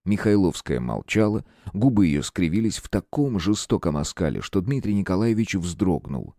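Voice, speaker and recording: A man reading an audiobook with expressive, measured narration. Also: low voice, dry recording, clean studio sound. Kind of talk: scripted narration.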